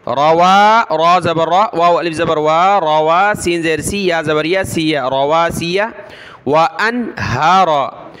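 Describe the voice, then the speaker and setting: Smooth high-voiced male Quran teacher. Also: fairly bright tone. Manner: spells out letters slowly, then recites drawn-out verse. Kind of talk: Quran reading lesson.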